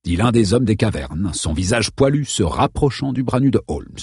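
Guy reading a novel out loud, husky low voice, dry close sound. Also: sing-song, moderate pace, dry recording. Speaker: audiobook narrator. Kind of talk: scripted narration of a novel.

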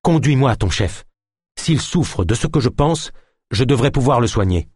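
A man's voice: medium pitch, expressive, moderate pace, darkish tone, breathy edge, dry recording, clean studio sound, voice pushed up. A man voicing an earnest, determined captive healer who speaks persuasively.

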